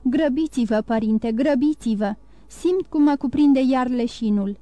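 A woman's voice: high-pitched, dark tone, no room sound, natural voice. A woman voicing a dying, wounded male ex-convict who pleads and gasps for help, in an audiobook reading. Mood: pleading. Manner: pleading, gasping cries for help.

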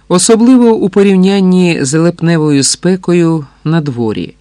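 A man narrates an audiobook in a calm, steady reading voice. The voice is slightly high for a man. It is recorded close and dry, with no room echo. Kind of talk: scripted narration.

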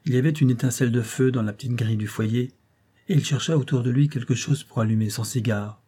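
Mellow, husky male narrator. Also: mid-range voice, steady tone, quick pace. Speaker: audiobook narrator. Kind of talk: scripted narration.

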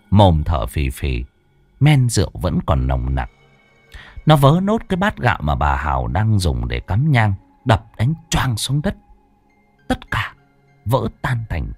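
Husky-voiced man telling a ghost story. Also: on the low side, darkish tone. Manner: dramatic storytelling with voiced characters. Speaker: narrator. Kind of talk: scripted ghost story narration. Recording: dry close recording with faint music.

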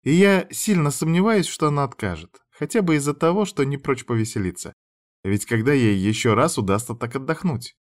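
A man's voice: medium pitch, animated, fairly quick, voice pushed up, close to an everyday voice. A man voicing a teasing, sly young blonde woman who drawls her mocking lines in a raised voice.

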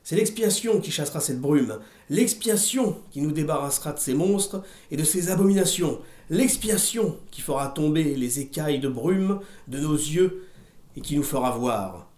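A man reading aloud and voicing a fanatical old woman preaching a feverish, shouted sermon. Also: fairly high pitch, lively intonation, normal speed, roomy sound, close to an everyday voice.

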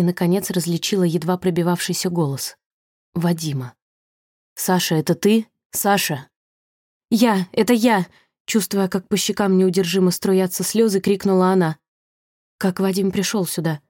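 A woman narrating a thriller audiobook in a measured, tense way. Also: fairly low pitch, warm tone, dry recording, clean studio sound. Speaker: audiobook reader.

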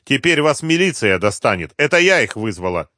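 A woman's voice: very animated, very slow, no echo, clean studio sound, full character voice. A man voicing a bold, defiant young woman journalist in an audiobook, speaking in a challenging tone. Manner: challenging, shrill when shouting.

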